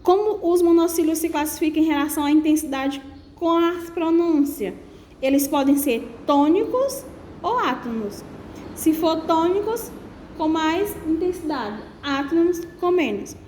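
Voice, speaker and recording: A Brazilian Portuguese-speaking woman teaching a lesson, explaining slowly with many fillers and restarts. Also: extremely high pitch, expressive, darkish tone. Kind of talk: lesson on a reading exercise. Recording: echoey room with faint ambient noise.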